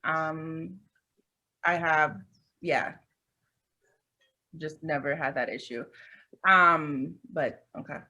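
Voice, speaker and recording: A woman co-hosting a casual podcast, cutting in with quick teasing remarks and laughs. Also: low voice, bright, forceful tone. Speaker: podcast co-host, scientist. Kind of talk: casual chat.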